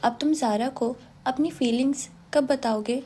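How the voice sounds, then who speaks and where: A man's voice: extremely high pitch, dark tone, a little hiss or hum. A woman reading an audiobook, voicing a young man who teases his friend playfully. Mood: teasing. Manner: teasing, playful.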